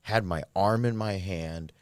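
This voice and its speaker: Male guest, very low voice, dry close mic, candid rambling storyteller. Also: a little slow, clean tone, no room sound. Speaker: podcast guest. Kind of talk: personal recovery story.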